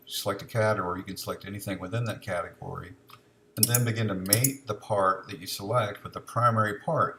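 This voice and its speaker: Speaking in a low voice, a man demonstrates software in an informal, instructional screencast, going one step at a time. The recording is clearly noisy, and keyboard typing and mouse clicks can be heard behind him.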